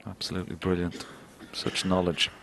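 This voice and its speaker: A man's voice: deep voice, monotone, normal speed, vocal fry, a bit bright. A man commentating live on a snooker match. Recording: crowd and faint noise behind. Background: snooker arena crowd.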